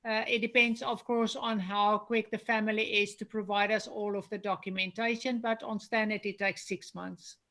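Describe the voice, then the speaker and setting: A woman's voice: mid-range voice, little pitch movement, normal speed, hardly any pauses, bright, forceful tone. A woman panelist giving matter-of-fact answers about passport timelines. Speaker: panelist on Grenada citizenship.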